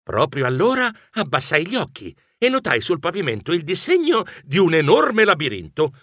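A man narrating a children's adventure audiobook as a bookish mouse, telling the story in an animated way. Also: on the high side, normal speed, no room sound, clean studio sound.

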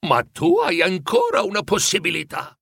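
A man's voice: sing-song, unhurried, creaky, bright, forceful tone, breathy edge, no echo, clean studio sound, heavily acted. A man voicing the ghost of a dead old businessman, chained and remorseful, speaking in a mournful, pleading way for a storybook reading. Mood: solemn. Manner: mournful, pleading, rising in pitch.

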